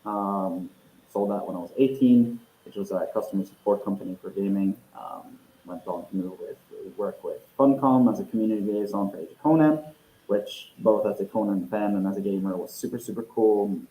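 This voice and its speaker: A Norwegian man, CEO of a tech company, is interviewed casually over an echoey video call with slight background noise. Speaking in a lowish, warm voice, he reflects carefully, restarting sentences and stretching out phrases.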